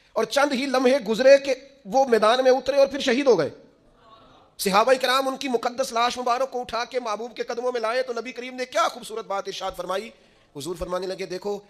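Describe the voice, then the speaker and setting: A Pakistani man with a high, bright-edged voice delivers a sermon. He moves between soft, intimate storytelling and bursts of passionate, raised exhortation. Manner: impassioned, swings between hushed storytelling and loud exhortation. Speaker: preacher.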